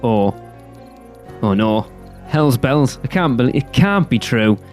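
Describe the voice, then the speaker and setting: A man's voice: mid-range voice, animated, takes it slowly, darkish tone, soft background music. A man playing a dismissive husband with a British accent, brusque in manner. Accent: British English. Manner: brusque, then rattled.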